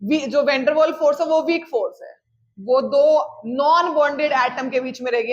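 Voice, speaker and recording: A woman teaching a chemistry lecture who mixes in English terms, dictates definitions slowly and keeps checking that students follow. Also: sits high, highs cut off. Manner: checks in often with "clear?", calls students "beta". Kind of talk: classroom lecture.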